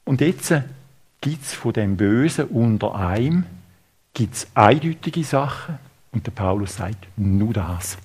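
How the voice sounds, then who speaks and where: Husky Swiss German preacher. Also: male voice, medium pitch, lively intonation, a little mellow. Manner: halting, with many fillers and restarts. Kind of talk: sermon.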